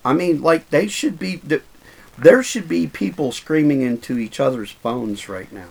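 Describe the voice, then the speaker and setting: A man's voice: on the high side, lively intonation, measured pace, vocal fry, a little mellow. A man co-hosting a podcast, ranting heatedly and swearing in casual chat. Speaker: podcast co-host.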